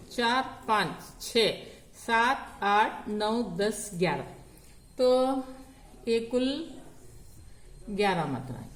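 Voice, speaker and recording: A woman's voice: on the high side, roomy sound. A woman teaching a grammar lesson on poetic meter, counting syllables aloud one at a time.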